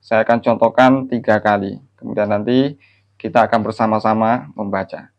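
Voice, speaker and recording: A man's voice: fairly low pitch, steady tone, normal speed. A man teaching Quran recitation in an online lesson, patiently explaining and repeating each point to his listeners. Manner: patient, repeats and addresses listeners warmly as friends; demonstrates melodic chanted phrases.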